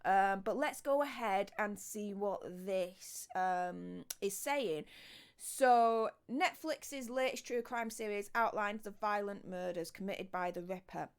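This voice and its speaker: A young woman from Yorkshire, in northern England, hosts a casual commentary vlog in a mid-range, clear, resonant voice at an unhurried pace. She chats with lots of fillers and restarts and reads passages from articles aloud.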